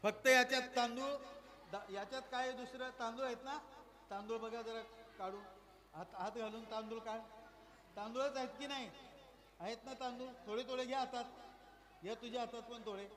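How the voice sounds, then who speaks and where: A man performing a magic show for children, coaxing and quizzing his young audience in a playful, lively way. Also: very high voice, a little fast, long pauses. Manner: playful, coaxing, asks the crowd questions. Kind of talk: lively stage patter with audience.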